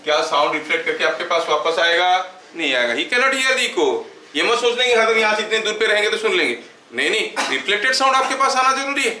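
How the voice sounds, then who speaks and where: A man teaching a physics class, often asking questions and slowly dictating notes. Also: sits high, lively intonation, pushed and bright. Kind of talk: classroom lecture mixing Hindi and English. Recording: echoey room, voice from far off, faint hiss.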